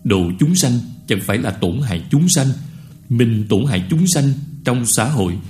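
A man giving a Buddhist dharma talk to a retreat, earnest and admonishing, slowly chanting short verses. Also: mid-range voice, animated, mellow, faint music behind. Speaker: Buddhist teacher.

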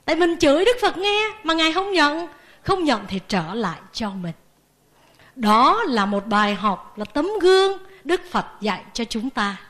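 A woman, a Buddhist nun, giving a lively sermon and asking the audience questions. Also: sits high, a little slow.

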